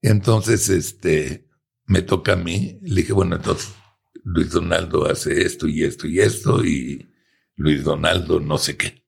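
A middle-aged man with a Mexican Spanish accent, telling an animated story in a casual chat, swearing freely and acting out both sides of the dialogue. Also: low voice, unhurried. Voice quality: gravelly, husky. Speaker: advertising agency owner telling a story.

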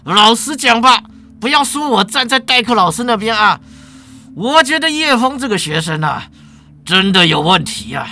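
A blunt law department head lectures the room loudly and high, as a storyteller puts the role on. The lively pitch swings widely. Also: normal speed, faint music behind. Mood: scolding.

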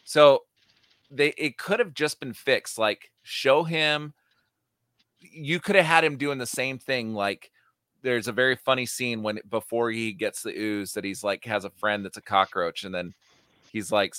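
A man's voice: medium pitch, a little slow, bright, forceful tone, dry recording, studio quality. A man hosting a podcast, chatting casually and bluntly with cohosts, swearing freely and getting heated as he rants about a movie. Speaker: podcast host. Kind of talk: casual chat, movie review.

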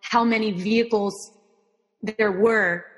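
A woman with a steady, mid-range voice talks slowly in a big-sounding room, and the audio quality is poor. She's a guest performing artist from Miami, Florida, US, with Spanish as her native tongue, speaking casually about herself in an interview. Thoughtful and warm, she laughs often and frequently restarts what she's saying.

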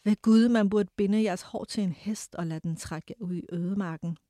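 A man's voice: sits high, mellow, no echo, clean studio sound, natural voice. Woman reading a scornful male suitor. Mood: contemptuous. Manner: scornful, lecturing. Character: haughty, condescending male suitor. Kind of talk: reading a novel aloud.

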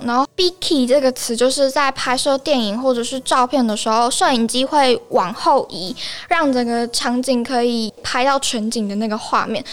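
A woman with a Taiwanese Mandarin accent hosting a casual language lesson on slang in a chatty, playful way. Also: on the high side. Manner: chatty, playful, acts out short examples. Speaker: podcast host and Japanese teacher.

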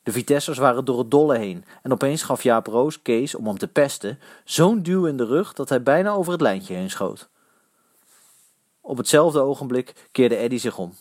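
Man reading a story with lively pitch. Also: normal speed, no room sound, studio quality. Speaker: narrator.

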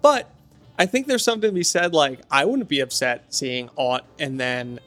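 A man's voice: fairly high pitch, expressive, moderate pace, a bit bright, faint music behind. A male singer chatting as a guest in an apartment interview, rambling and enthusiastic with plenty of fillers. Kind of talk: casual interview chat.

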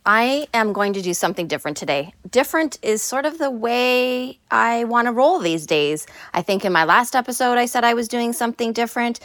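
A woman's voice: on the high side, animated, a little fast, hardly any pauses, a bit bright, no room sound. A woman hosting a solo podcast in a casual, conversational way, recorded on a phone inside a small closet. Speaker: podcast host. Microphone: phone, no headphones.

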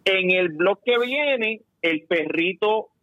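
A man's voice: high voice, animated, slow, pushed and bright, no echo, dull audio. A man hosting a casual podcast, telling stories animatedly and swearing casually. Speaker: podcast host.

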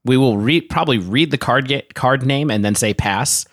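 A man co-hosting a casual podcast, chatty and joking, reading out card text and giving shout-outs. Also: medium pitch, normal speed, no echo, clean studio sound. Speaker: podcast co-host.

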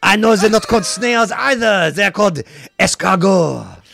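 A man's voice: high-pitched, expressive, moderate pace, gravelly, full character voice. A man playing a drunken, boastful French retired footballer with a put-on French accent, rambling and pompous. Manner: pompous, tipsy, rambling, bursts of shouting. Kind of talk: comedic podcast bit.

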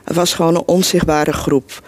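A middle-aged woman speaks to an audience about her life with earnest, emotional bluntness. Her voice is low-pitched, steady and a little mellow, at normal speed, and no room sound is heard.

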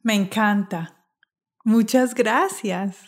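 A woman's voice: medium pitch, very slow. A woman interview host who gives short, agreeable replies and asks questions.

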